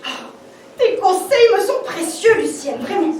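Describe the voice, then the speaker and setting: High, echoey actress as a doubtful old spinster. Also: female voice, lively intonation, measured pace, darkish tone. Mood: flustered. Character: doubtful, self-deprecating spinster of sixty-six. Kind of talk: amateur stage comedy acting. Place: theatre stage, recorded from a distance. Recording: echoey theatre from far off, clearly noisy.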